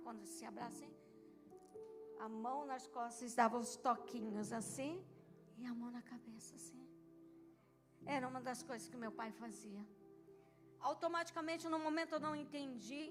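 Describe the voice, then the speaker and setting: High-pitched woman preaching over music. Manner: emotional testimony, rising to loud emphatic peaks. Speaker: pastor. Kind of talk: sermon. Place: church service.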